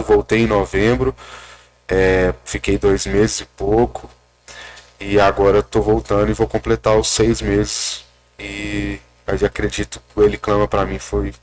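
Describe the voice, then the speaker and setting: Hesitant young man, lowish voice. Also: a little hiss or hum. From Minas Gerais, Brazil. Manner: hesitant, many restarts and pauses. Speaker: interviewee in rehab. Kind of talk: casual personal account. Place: rural rehab center.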